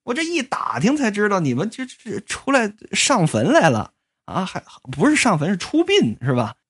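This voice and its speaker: Woman doing a cocky young guy, swaggering, stammering, lively swooping pitch. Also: moderate pace, breathy edge. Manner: swaggering, quarrelsome, bursts into flustered stammering. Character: brash cocky young man back from the dead. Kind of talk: comic storytelling.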